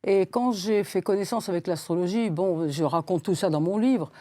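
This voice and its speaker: Being interviewed on a studio set, a woman from Switzerland in her eighties talks in a meandering way, hesitating often and repeating words. She has a fairly low, mellow voice at normal speed, and no room sound is audible.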